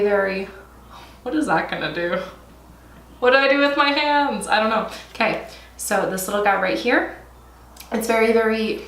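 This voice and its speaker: A woman's voice: medium pitch, a bit bright. A young woman chatting through a makeup tutorial, a little stuffy from allergies, swearing playfully and breaking into squeals. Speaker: beauty vlogger. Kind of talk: casual makeup tutorial chat. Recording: echoey room, faint noise.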